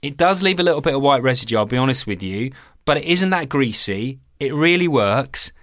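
A man's voice: mid-range voice, expressive, a little fast, fairly bright tone, no echo, studio quality. A man casually recommending a product on a podcast, candid and conversational. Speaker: podcast host. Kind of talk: casual spoken product tip.

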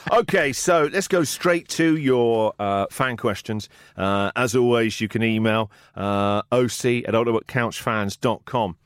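A man's voice: medium pitch, unhurried, hardly any pauses, smooth, no echo, studio quality. A man hosting a casual podcast, teasing his co-host with mock boasts.

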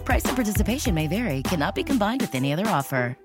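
A woman's voice: mid-range voice, very animated, very fast. A woman reading a scripted promotional voice-over for an advert. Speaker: advert announcer. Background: music.

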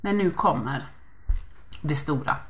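Lively, bright-voiced woman podcaster. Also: low-pitched. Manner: animated storytelling, acts out quotes. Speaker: podcast co-host. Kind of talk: casual chat.

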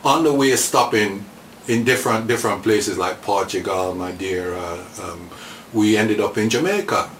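An older man from Aruba with a Caribbean accent, telling stories casually and haltingly in colloquial phrasing as an interview guest. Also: lowish voice, a bit bright. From Caribbean, born in Aruba, raised in Trinidad and Dominica. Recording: roomy echo, clear background noise.

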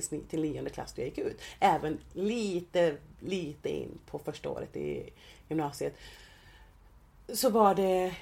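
A woman in her thirties, a guest in an interview, talking in a hesitant, halting way with many restarts. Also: lowish voice, vocal fry, dark tone. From Sweden. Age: 30s. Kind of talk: personal interview.

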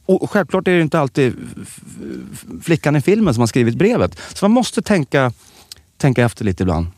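Male podcast co-host, animated storyteller, lively pitch, dry close sound. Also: no room sound. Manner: animated storytelling, many restarts. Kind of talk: casual chat.

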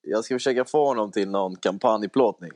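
A man's voice: on the low side, a little mellow, no room sound. A man co-hosting a casual podcast chat, teasing and swearing freely while mimicking other people. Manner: teasing, swears a lot, acts out voices. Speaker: podcast co-host.

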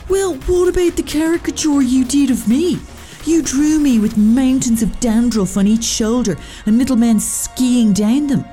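A woman's voice: sits high, moderate pace, mellow, soft background music, pitched above the performer's own voice, natural voice. A woman voicing a pleading, apologetic teenage boy at a school disco, barely changing her own voice.

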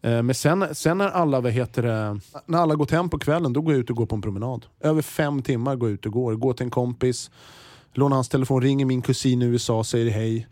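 A man's voice: medium pitch, dry recording. A man in his forties chats through an interview, rattling off stories with plenty of swearing and restarts. His voice sits in a middling register. The recording is dry and close, with no room sound. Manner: lively storyteller, swears freely, frequent restarts. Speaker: TV host and interviewee. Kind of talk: casual interview chat.

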